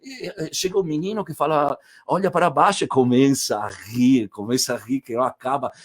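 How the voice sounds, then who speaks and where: A man retells an old tale in a casual, spoken way, lively and playful as he goes. His voice sits at an ordinary middle pitch. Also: brisk. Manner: animated, playful, with restarts. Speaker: storyteller.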